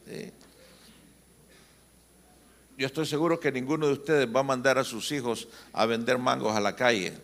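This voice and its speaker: A man's voice: mid-range voice, a bit bright. Man, 60s, Honduran accent, mid-range voice; humorous storytelling preacher at a family conference. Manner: joking, anecdotal preaching. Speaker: pastor and family-conference speaker. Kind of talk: church conference talk. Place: church.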